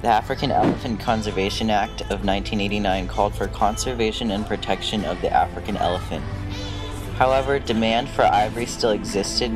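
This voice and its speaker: A man with a fairly low voice reads scripted documentary narration. Faint music runs behind him as he speaks. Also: low-quality recording.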